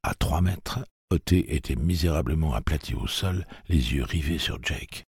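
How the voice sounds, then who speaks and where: A man reading a novel aloud as an audiobook narrator, with a gravelly, husky voice and a steady, measured delivery. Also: a bass voice, dry recording, clean studio sound. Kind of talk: scripted narration.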